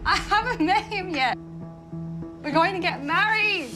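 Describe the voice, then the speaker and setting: A woman's voice: very high voice, animated, a little slow, over music. A woman working as a hairdresser, chatting in a giggly, confessional way.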